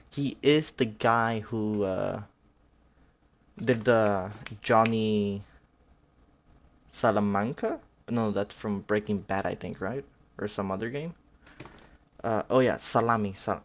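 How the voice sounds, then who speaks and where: With the highs cut off, a fairly low-pitched man reacts to a video as a reaction streamer. His talk is casual and rambling, unsure, packed with fillers and self-corrections.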